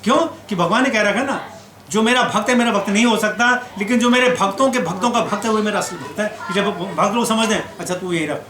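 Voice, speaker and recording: A man teaching scripture as a sermon, telling stories lively and acting out the quotes. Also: high-pitched, brisk, crowd noise. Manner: animated storyteller who acts out quotes. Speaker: spiritual teacher. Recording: echoey room with background noise.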